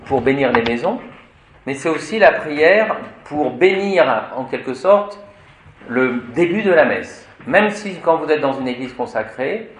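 A man, a priest, teaching a grammar lesson to a class, explaining word by word in a slow, deliberate way. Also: medium pitch. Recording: echoey room.

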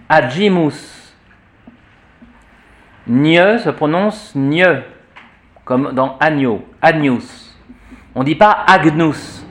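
A male teacher leads a pronunciation lesson, speaking slowly with a slightly raised pitch. He spells out letters one by one and repeats each example word, pausing on fillers as he thinks. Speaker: teacher of church Latin pronunciation. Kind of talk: classroom lesson.

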